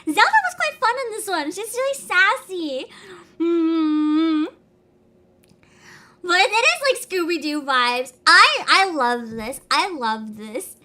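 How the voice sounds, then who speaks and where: A woman chatting casually on a reaction livestream, excitable, giggly and given to exclaiming as she hosts. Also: high-pitched. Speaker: streamer, host.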